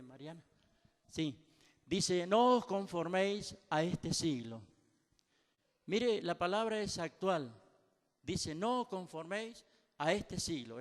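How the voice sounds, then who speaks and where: A male pastor delivers a sermon with a high, smooth, resonant voice that carries through a reverberant church hall. He stacks repeated phrases and builds steadily in fervor.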